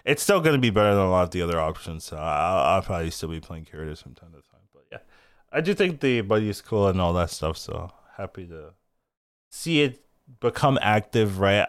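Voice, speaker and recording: An excitable man rambles through a casual gaming podcast chat, his pitch leaping up and down as he gets worked up. His voice sounds dry and close, with laughs breaking in. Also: no echo. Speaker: co-host discussing game patch.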